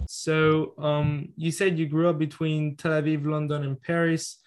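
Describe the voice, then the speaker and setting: A man's voice: fairly high pitch, little pitch movement, a little slow, smooth. A man co-hosting a casual podcast interview, asking questions hesitantly with fillers. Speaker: podcast co-host.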